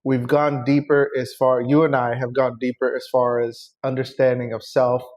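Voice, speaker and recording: A man's voice: mid-range voice, flat delivery, normal speed, darkish tone. A man, co-hosting a casual couple's podcast as a life coach, playful and teasing. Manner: playful, teasing, laughs often.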